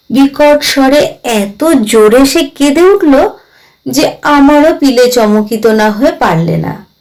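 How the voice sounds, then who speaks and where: Brief: woman storyteller narrating a ghost tale, measured and unhurried. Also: a little high, darkish tone, low-quality recording. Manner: slow, deliberate storytelling. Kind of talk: reading a ghost story aloud.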